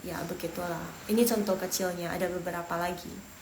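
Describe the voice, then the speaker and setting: An Indonesian woman giving a casual online Mandarin lesson, chatty and slowly repeating words for pronunciation. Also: on the low side, fairly even intonation, a little mellow. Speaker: Mandarin teacher. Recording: roomy echo with faint room noise.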